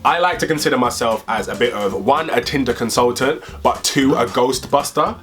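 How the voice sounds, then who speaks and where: A young man from the UK co-hosting a vlog, chatting casually in a playful, animated way. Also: medium pitch, moderate pace, soft background music. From United Kingdom. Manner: animated and playful, bursts into excited squeals. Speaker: co-host. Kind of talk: casual chat.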